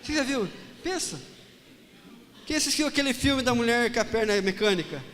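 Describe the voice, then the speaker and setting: A pastor telling a personal story in a sermon, animated and dramatic, acting out the dialogue. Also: male voice, very high voice, brisk, long reverb tail.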